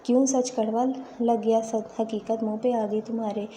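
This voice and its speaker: A woman's voice: on the high side, flat delivery, dark tone, a little hiss or hum, close to an everyday voice. A woman reading as a wronged, reproachful young wife. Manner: reproachful, pleading.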